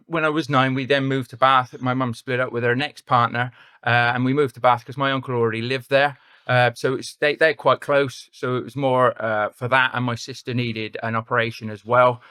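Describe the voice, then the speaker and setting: A man's voice: medium pitch, fairly even intonation, moderate pace, sharp tone, clean tone, no echo, clean studio sound. A middle-aged man with a West Country English accent, a podcast guest telling his life story in a rambling, self-correcting way. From England. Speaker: podcast guest, property investor. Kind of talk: casual storytelling interview.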